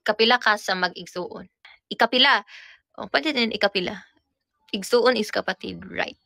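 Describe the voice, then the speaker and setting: A woman's voice: medium pitch, normal speed, creaky, pushed and bright, dry recording, studio quality. A young woman in her twenties with a Cebuano accent, chatting casually and teaching everyday phrases in a playful, giggly way. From Visayas, Philippines. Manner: playful, giggly, switches languages freely. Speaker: pop group member.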